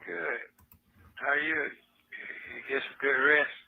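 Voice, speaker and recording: Sleepy husky man on a prison phone. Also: medium pitch, steady tone, takes it slowly, dry recording. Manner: short mumbled replies. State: sleepy, just woken up. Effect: heard over a prison phone line. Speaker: inmate calling home. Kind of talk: casual phone chat. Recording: tinny prison phone call recording.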